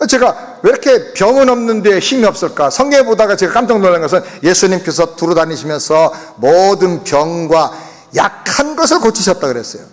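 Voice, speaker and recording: A man's voice: high voice, very animated, fairly quick. A man preaching a sermon as senior pastor, speaking emphatically to his congregation in a church sanctuary. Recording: long reverb of a church hall.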